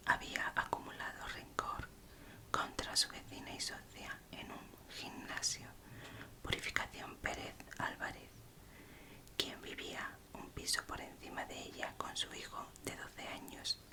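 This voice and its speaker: Here an ASMR host, a Spanish-accented woman from Spain, narrates true crime in a hushed, breathy whisper that carries no voicing. She takes her time and speaks softly in short bursts.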